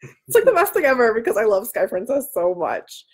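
On the high side, with big pitch swings and a brisk, slightly mellow, husky voice, a woman in her thirties hosts a livestream. The author chats casually and playfully from a small room at home, indoors, via a webcam at arm's length.

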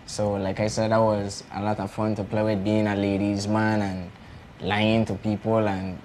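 Relaxed low-voiced actor from Saint Croix. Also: male voice, normal speed, slight background noise. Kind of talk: talk show interview.

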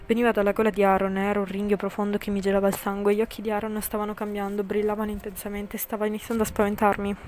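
A woman's voice: medium pitch, completely flat delivery, racing, few pauses, a little mellow, a little hiss or hum. A woman narrating and reading all the parts of a story game in an amateur fan voice-over. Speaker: narrator and reader.

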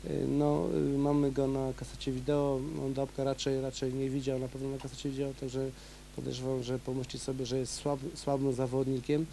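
A man talking in a steady, monotone way as a kickboxing coach, stopping often on "uh" between phrases. A faint hum sits under his voice, as on an old 1990s video tape. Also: medium pitch, moderate pace, vocal fry, poor audio. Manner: hesitant, many fillers. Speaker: kickboxing coach and event organizer. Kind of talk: local TV interview.

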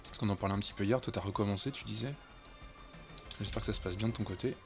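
A man's voice: lowish voice, fairly even intonation, quick pace, creaky, over music. A man streaming a co-op game, chatting casually and swearing when things go wrong. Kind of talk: casual gaming chat.

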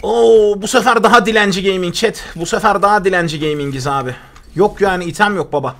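A young man streaming a live game, chatting with viewers and teammates in a joking way with excitable outbursts. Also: sits high, fairly quick. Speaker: gaming streamer. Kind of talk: live gameplay commentary.

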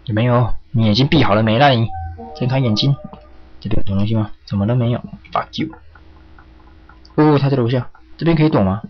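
A young man narrates a horror game, his voice at an average pitch. He startles easily, yelps and swears at the screen. The home recording sounds a little dull, with faint hiss underneath. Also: quick pace, long pauses. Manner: jumpy, yelps and curses at the game. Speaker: game streamer. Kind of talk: horror game let's play commentary.

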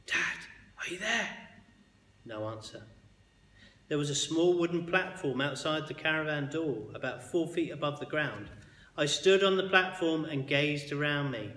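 A man's voice: on the high side, moderate pace. Man reading a bedtime story, echoey. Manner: expressive, with hushed quiet passages. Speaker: reader of a children's book. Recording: echoey hall with long reverb.

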